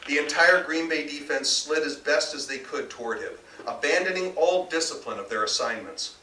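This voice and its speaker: This is a live narration by an American novelist at an indoor bookstore event, delivered at normal speed in a slightly high, sharp-toned voice. The mic sits far off, so the sound is roomy and carries faint noise.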